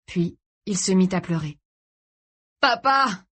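A woman reading a dramatic novel aloud in a steady, grave storytelling voice. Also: on the low side, normal speed. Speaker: audiobook narrator. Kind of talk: scripted dramatic narration.

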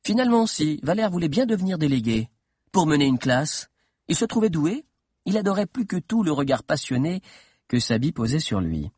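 A man narrating a story expressively in an audiobook, with a husky voice. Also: on the high side, big pitch swings, normal speed, a little mellow, no room sound, clean studio sound.

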